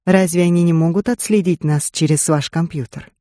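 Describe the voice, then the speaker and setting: A reader voicing a prim, practical female assistant who speaks in a measured way. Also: fairly low pitch, mellow, dry recording, clean studio sound, close to an everyday voice.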